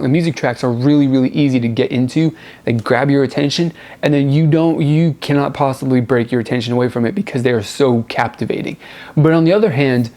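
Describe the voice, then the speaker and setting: The host of a music review show speaks in a medium-pitched voice with a darkish tone. His vlog talk is casual, enthusiastic and rambling, full of informal repetition of words for emphasis.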